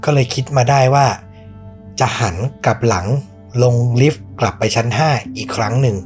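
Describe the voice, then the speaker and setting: A man's voice: medium pitch, moderate pace, soft background music. A man hosting a podcast, telling a true ghost story in a suspenseful, conversational way. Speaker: podcast host.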